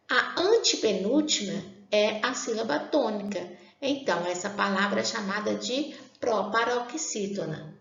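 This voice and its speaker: A woman teaching a grammar lesson, speaking slowly and deliberately and drawing out example words. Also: mid-range voice, gravelly. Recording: roomy, dull lo-fi sound.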